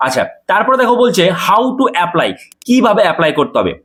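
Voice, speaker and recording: A man's voice: high-pitched, big pitch swings, fairly bright tone. A man explains a job notice to viewers as a coaching teacher, checking in often to make sure they follow. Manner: quick, addressing viewers directly with frequent check-ins.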